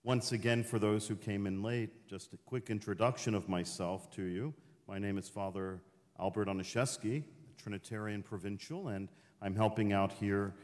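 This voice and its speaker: Middle-aged guy giving a chatty homily, kinda deep, churchy reverb. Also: moderate pace, darkish tone. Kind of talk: informal homily. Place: large church interior. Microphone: gooseneck lectern microphone.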